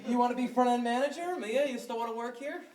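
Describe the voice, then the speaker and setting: Actor as a wry store boss with a dry, teasing delivery, echoey stage heard from far off. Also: male voice, very high voice, fast, darkish tone, slight background noise. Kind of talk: student stage play.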